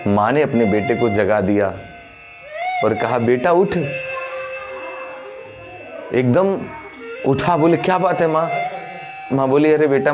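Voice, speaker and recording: A man preaching a Buddhist sermon, telling a moral story, calling his listeners brothers in the dhamma and acting out the voices in it. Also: medium pitch. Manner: addresses listeners as dhamma brothers, acts out dialogue with raised voice.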